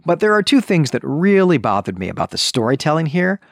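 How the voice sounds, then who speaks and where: Hosting a book podcast, a middle-aged man from suburban Chicago in the US Midwest discusses a review with eager, wandering enthusiasm, often tossing in "right?" His fairly high, creaky voice swings widely in pitch and moves a little fast. The recording is studio quality with no room sound.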